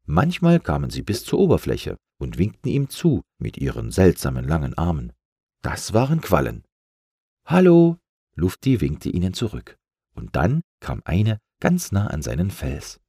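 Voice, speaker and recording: A man reading a children's story aloud in an expressive, lively way. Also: deep voice, slightly rough, no room sound, studio quality.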